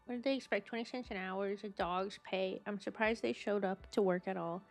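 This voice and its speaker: A woman's voice: medium pitch, fairly even intonation, brisk, creaky, soft background music. Playful woman streamer reading aloud. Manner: reads narration aloud, playful asides. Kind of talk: casual game playthrough.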